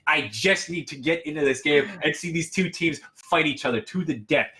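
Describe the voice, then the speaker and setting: A young man with a bright, forceful voice sits a little high in his range as he casts a live esports match. He rambles on playfully and gets excitable while waiting for the game to start. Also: normal speed. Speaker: esports caster. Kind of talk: casual live game commentary.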